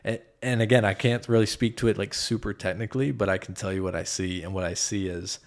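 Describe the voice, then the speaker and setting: A man's voice: lowish voice, fairly even intonation, fast talker. A man who coaches basketball, talking earnestly in a casual podcast conversation and often correcting himself mid-thought.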